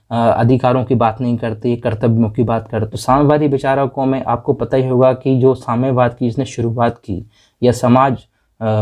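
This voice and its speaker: Chatty man teaching with a mellow voice. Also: mid-range voice. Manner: chatty, addresses students as friends; rambling, with fillers and restarts. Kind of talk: casual exam-prep lecture.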